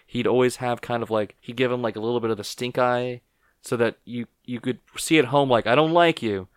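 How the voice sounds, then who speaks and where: A man's voice: medium pitch, flat delivery, fairly quick, clear, resonant tone, no room sound, clean studio sound. A man co-hosting a podcast, chatting casually and with strong opinions, often acting out quoted lines as he rambles. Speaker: podcast co-host. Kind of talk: casual wrestling chat.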